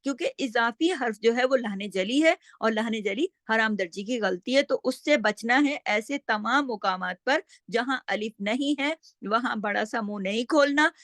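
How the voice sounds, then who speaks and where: A woman with a fairly high voice teaches Quran recitation in a calm, step-by-step lesson. She patiently explains each sound and demonstrates it herself. Her voice is close and dry, with no room echo. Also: normal speed.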